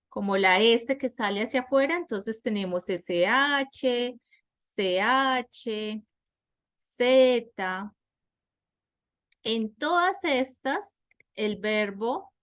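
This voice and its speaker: A woman's voice: medium pitch, slow, a bit bright. A woman teaching English grammar in an online class, explaining step by step and often asking her students questions.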